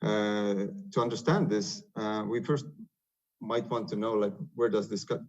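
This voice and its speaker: A man with an Estonian accent gives a webinar talk in English, his second language, over a video call. His voice sits low and comes through dull and lo-fi. He pauses often on fillers as he explains. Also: steady tone. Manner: hesitant, many "uh" fillers and restarts. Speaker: software developer presenting on a webinar. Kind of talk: webinar presentation.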